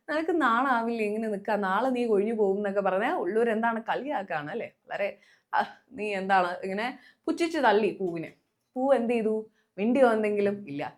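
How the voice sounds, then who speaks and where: A young woman teaching a live online class with a Kerala Malayalam accent, coaxing her students with many quick questions. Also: on the high side.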